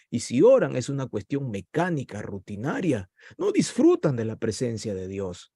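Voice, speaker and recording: With a warm, breathy voice and no echo in the recording, a pastor gives a fervent sermon, suddenly raising his pitch whenever he hits a point of emphasis.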